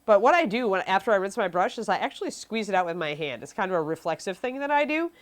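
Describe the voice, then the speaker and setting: Talking fast with big pitch swings in a mid-range voice, a miniature painting instructor runs a chatty live tutorial. She's young, sniffly and stuffed up from allergies, and keeps reading out chat questions, answering them with plenty of ums.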